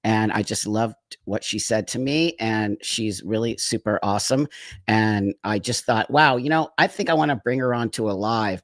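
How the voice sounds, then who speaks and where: Speaking on the low side, the host of a laid-back live stream gushes and wanders from topic to topic during a video call, breaking into frequent laughter. The audio carries no room sound.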